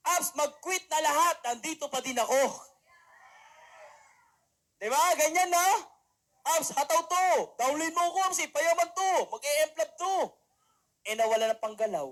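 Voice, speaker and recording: A young man with an unusually high voice speaks from an event stage to a live audience. He works as a mentor and motivational speaker, and he tells his stories with animated energy. He acts out the people he quotes and keeps checking in with the crowd through rhetorical questions. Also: moderate pace, long pauses. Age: young adult. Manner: animated storytelling, acting out quotes; peppers lines with rhetorical "di ba?".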